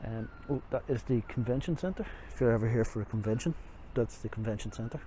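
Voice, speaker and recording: Irish man, medium pitch, speaking through a face mask, rambling casual tour vlog, outdoor recording, noticeable traffic noise. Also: fairly quick, mellow. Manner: rambling, self-deprecating. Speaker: walking tour vlogger. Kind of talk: casual walking tour commentary. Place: outdoors on city streets by a river. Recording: noisy outdoor street, traffic ambience. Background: street and vehicle noise.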